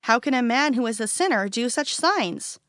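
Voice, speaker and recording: A group of stern grown men, suspicious and quick to accuse, voiced by a woman reading aloud. They speak sternly and a little loudly. The storybook reading is dry and close. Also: on the high side, animated, no echo. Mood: questioning.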